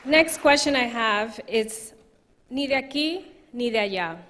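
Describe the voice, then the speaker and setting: A woman's voice: on the high side, animated, measured pace, fairly bright tone, slight background noise. Woman moderator in a reverberant hall. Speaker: panel moderator. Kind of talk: moderating a panel.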